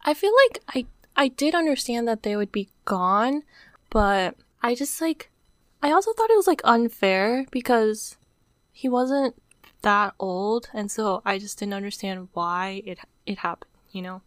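A woman's voice: medium pitch, animated, a little slow, dry recording. A young woman co-hosting a podcast, talking casually and emotionally, close to tears, with lots of "like". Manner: says "like" constantly, emotional and on the verge of tears. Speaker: podcast co-host. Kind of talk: casual chat.

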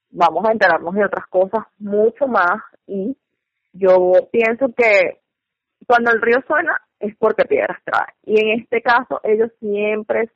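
A Venezuelan woman co-hosting a radio show, telling stories in a lively, dramatic way with sudden exclamations. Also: mid-range voice, no room sound. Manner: animated, dramatic storyteller with loud exclamations. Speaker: radio co-host. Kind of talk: casual radio commentary. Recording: dull, dry radio studio sound.

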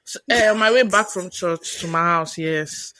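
A woman's voice: fairly low pitch, normal speed, bright, forceful tone, dry recording. A woman co-hosting a podcast in casual chat, playful and teasing, with mock exasperation. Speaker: podcast co-host.

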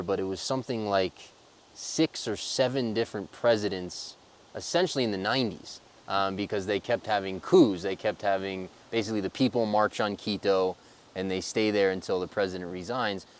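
A man's voice: fairly low pitch, moderate pace. A man hosting a casual, conversational interview. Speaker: interviewer, host.

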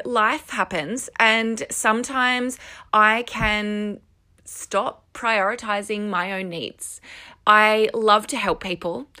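A woman's voice: mid-range voice, sharp tone. A woman hosting a solo podcast, talking earnestly and encouragingly to listeners, recorded at home with headphones used as the mic. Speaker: podcast host and coach. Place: room at home. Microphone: headphones used as microphone.

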